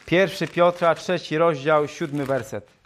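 Lively man preaching a sermon. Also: a little high, measured pace, slight background noise. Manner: lively preaching with jokes and rhetorical questions; reads scripture aloud in a raised voice. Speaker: pastor.

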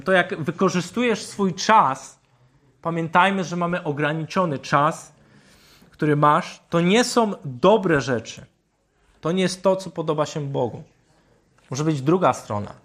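A man preaching a sermon, speaking deliberately and asking his listeners rhetorical questions. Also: fairly high pitch, a bit bright.

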